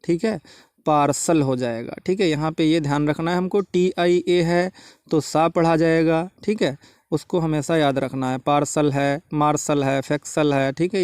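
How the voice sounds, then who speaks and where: A man's voice: on the high side, clear, resonant tone, dry recording. A man teaching English pronunciation in a repetitive lesson style, checking often that students follow. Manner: repetitive, checks understanding with frequent "theek hai". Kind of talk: classroom-style spoken lesson.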